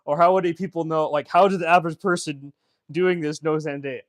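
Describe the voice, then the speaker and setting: This streamer, a man who designs fashion, rambles through viewer comments with frequent fillers and restarts. His pitch is a little high, his intonation fairly even, and he talks fairly quickly in a recording with no echo.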